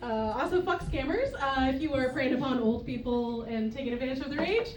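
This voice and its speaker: Stand-up comic, woman, animated delivery, roomy club sound with a crowd behind. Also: high voice, fairly quick, far from the mic. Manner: animated storytelling with laughing asides. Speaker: stand-up comedian. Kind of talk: stand-up comedy set. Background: audience laughter.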